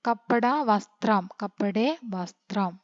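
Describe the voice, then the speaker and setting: A woman from teaching an online lesson, reading text slowly and then quickly glossing words one by one. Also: medium pitch, lively intonation, darkish tone, dry recording. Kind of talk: online Hindi lesson explained in Malayalam. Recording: dull lo-fi sound.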